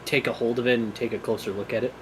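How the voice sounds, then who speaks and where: A man's voice: mid-range voice, fairly even intonation, very fast, a little hiss or hum. A man narrating a tabletop role-playing game as game master.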